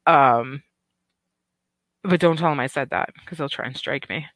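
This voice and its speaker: A woman's voice: very deep voice, measured pace, a bit bright, no echo. Rambling, profane middle-aged woman streamer. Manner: rambling and profane, with many "um" and "like" fillers. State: has the hiccups. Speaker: livestream commentary host. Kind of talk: casual livestream chat, reading viewer comments.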